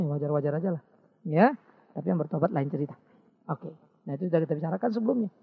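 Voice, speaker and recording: A man's voice: very high-pitched, creaky, husky, long reverb tail. A male pastor giving a conversational sermon, full of rhetorical questions and emphatic scolding exhortations. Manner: conversational preaching with rhetorical questions and teasing asides. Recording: dull lo-fi sound.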